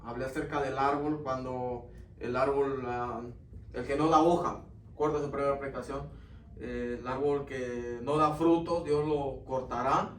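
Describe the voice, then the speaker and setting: Man telling his story in an echoey church. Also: on the high side. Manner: earnest, addresses listeners as brother. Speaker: church member giving testimony. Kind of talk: Sunday school testimony. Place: church classroom. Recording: echoey room, mic far off, faint noise.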